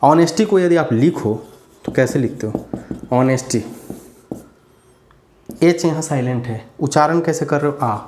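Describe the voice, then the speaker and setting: A man's voice: a little high, lively intonation, measured pace, long pauses, warm tone, reverberant, a little hiss or hum. A man giving a casual grammar lesson, chatty and repetitive as he drills examples. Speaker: English grammar teacher.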